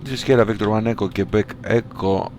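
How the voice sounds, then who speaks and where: A man flying a simulator as a pilot, speaking on a cockpit headset mic in clipped, rapid aviation phraseology with cockpit callouts and radio calls. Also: on the low side. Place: home flight simulator setup. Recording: steady background hum.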